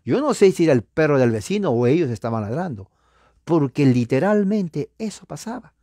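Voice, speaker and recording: Man, classroom lecture, lively rising and falling pitch, rhetorical questions, counts aloud, dry close sound. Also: moderate pace, no room sound. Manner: animated, rhetorical questions to the audience; counts items aloud, sometimes dropping to a whisper. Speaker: lecturer on church history. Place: lives near Los Angeles.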